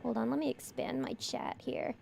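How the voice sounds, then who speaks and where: A woman's voice: high-pitched, fairly even intonation, normal speed, creaky, darkish tone, a little hiss or hum. A young woman from New York streaming a horror game, chatty and giggly as she talks to her chat. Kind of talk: let's play commentary.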